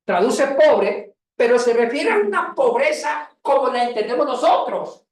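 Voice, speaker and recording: Lively woman teaching a Bible class. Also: sits high, unhurried, distant mic. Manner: lively, calls on students by name, jokes. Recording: echoey classroom.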